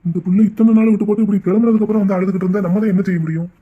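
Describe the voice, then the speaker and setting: A man's voice: high-pitched, very fast, narrow, tinny audio. A man voicing a meek, fretful tea shop owner in a cartoon, talking in a pleading way. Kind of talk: cartoon voice acting.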